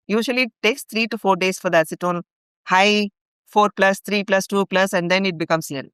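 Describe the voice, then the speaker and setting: A longtime ashram volunteer from India, who grew up in Bhopal, earnestly shares a long personal story as a podcast guest. This middle-aged woman has an Indian English accent and a mid-range, clear, resonant voice that is fairly bright, with fairly even intonation at a normal speed. The studio-quality audio has no echo, and her account unfolds in long chains of events with fillers.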